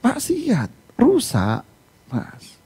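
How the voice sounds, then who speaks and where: Animated, gravelly male preacher. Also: extremely high pitch, very slow. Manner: animated storytelling with rhetorical questions. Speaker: Islamic preacher. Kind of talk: mosque sermon on Quran exegesis. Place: mosque.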